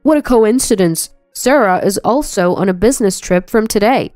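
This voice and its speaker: A woman's voice: medium pitch, lively intonation, moderate pace, a little mellow, no echo, studio quality, faint music behind, natural voice. A woman voicing a self-centered husband who talks down dismissively in a story reading. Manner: dismissive, mocking.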